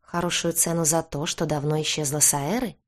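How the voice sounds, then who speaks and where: A woman's voice: sits low, steady tone, fairly quick, natural voice. A woman reading the part of a cruel young male knight, who questions in a curt, cold, stern manner. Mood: cold interrogation.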